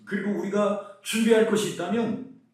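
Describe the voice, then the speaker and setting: A man's voice: sits high, moderate pace. A middle-aged male pastor from Seoul preaching a conference sermon, asking the crowd questions as he goes. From Seoul, South Korea. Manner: lively preaching with rhetorical questions. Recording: very echoey hall, mic far off.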